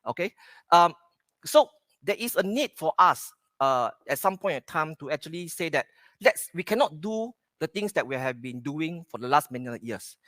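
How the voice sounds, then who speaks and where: A middle-aged man from Singapore with a Singaporean English accent, giving a keynote at a conference, pausing with "okay" between points. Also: a little high, animated, a bit bright, dry recording. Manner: plain, repeats "okay" to pace points. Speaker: conference speaker. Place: conference hall stage.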